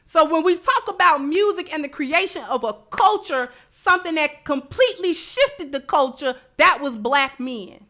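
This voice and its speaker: Speaking at normal speed with few pauses, this livestream host has a high, expressive voice and a sharp tone. She reads out chat messages to her audience and delivers passionate commentary, stressing points by repeating phrases.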